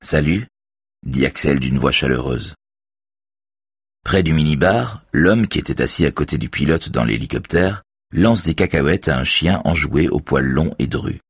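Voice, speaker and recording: A man reading a novel aloud as narrator, in measured, even storytelling. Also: a bass voice, slightly rough, dry recording, clean studio sound. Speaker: audiobook narrator. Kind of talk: scripted narration.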